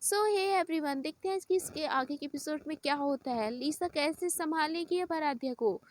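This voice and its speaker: High-voiced woman telling a story. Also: normal speed. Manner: chatty, conversational retelling. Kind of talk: casual storytelling narration.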